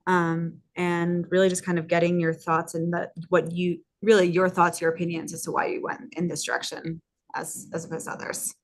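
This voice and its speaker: A woman council member briefly catching a speaker up on the council's concerns in a measured, hedging way. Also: on the low side, completely flat delivery. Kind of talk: council meeting discussion. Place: council chamber.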